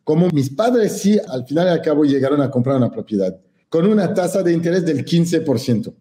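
A man from France with French as his first language, telling stories as a guest in an interview, animated and joking. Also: fairly high pitch, a little fast. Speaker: podcast guest. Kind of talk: casual interview storytelling.

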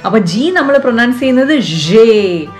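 A woman's voice: fairly high pitch, animated, moderate pace, a little mellow, faint music behind. A woman with a Malayali accent hosting a casual lesson for children, chatty and coaxing, asking the viewer questions. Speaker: vlog host teaching French to kids.

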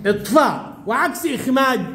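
A male teacher with a strikingly high voice runs his primary classroom. He quizzes the children one after another, calls them up by name and echoes back each answer. A faint hiss sits behind him. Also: animated. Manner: brisk questioning, calls pupils by name and repeats their answers. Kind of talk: classroom lesson. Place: school classroom.

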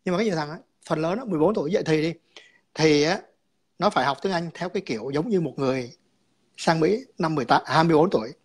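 A man's voice: a little high, fast. A man calling in to a chat, explaining his views in a rambling way, repeating words and slipping in English terms.

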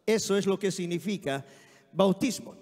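A man preaching a sermon in a church, telling anecdotes in a lively way and often exclaiming amen. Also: high-pitched, moderate pace. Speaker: guest preacher. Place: church sanctuary. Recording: long hall reverb.

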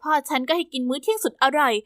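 A woman narrating a first-person animated story in an expressive, lively way. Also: high voice, rapid-fire, dry recording, clean studio sound.

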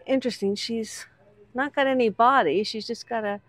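A woman's voice: on the high side, normal speed, a bit bright, no room sound. A woman hosting a vlog, chatting casually as she points out items on shop shelves one by one. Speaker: vlog host, reseller. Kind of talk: casual commentary while browsing a shop.

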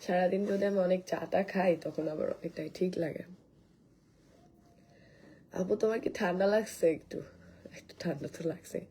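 A woman, hoarse from coughing, rambles casually through a live stream and answers viewer comments. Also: on the low side, moderate pace, pauses often, dark tone, slight background noise, low-quality recording. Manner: rambling, restarts a lot, reads commenters' names aloud. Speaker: live streamer selling skin care.

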